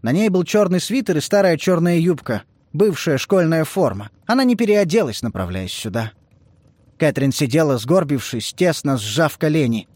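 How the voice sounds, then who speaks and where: A male audiobook narrator reads literary prose in a steady, measured manner. His voice is slightly higher than most men's, and the recording is dry and close with no room sound.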